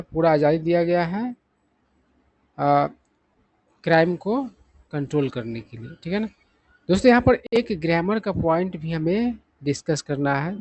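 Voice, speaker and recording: Male English tutor explaining vocabulary in Hindi, a bit high-pitched, dry close recording, answers his own questions. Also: a little mellow, no echo. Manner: repeats "ठीक है ना" as a check-in; poses questions and answers them himself. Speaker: English teacher.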